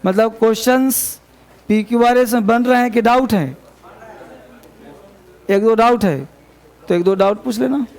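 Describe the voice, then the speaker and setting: High-pitched gravelly male teacher. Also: unhurried, pauses often, darkish tone. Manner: addresses students as babu, chiding and repeating. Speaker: English teacher. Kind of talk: classroom grammar lesson. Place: classroom with students.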